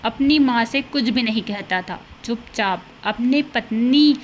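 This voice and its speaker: A woman's voice: on the high side, a little slow, slight background noise, rough recording. A woman giving scripted, sympathetic storybook narration for a cartoon.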